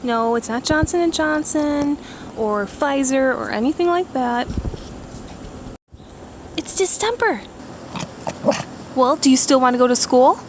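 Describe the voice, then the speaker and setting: A woman's voice: high voice, normal speed, background noise. A woman talking to her dog in coaxing, encouraging baby talk.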